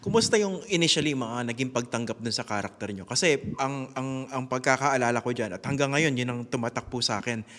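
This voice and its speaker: A man's voice: mid-range voice, brisk, few pauses, a bit bright, big-room sound. A man hosting an interview, asking polite questions with respectful forms and some English. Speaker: interviewer and host.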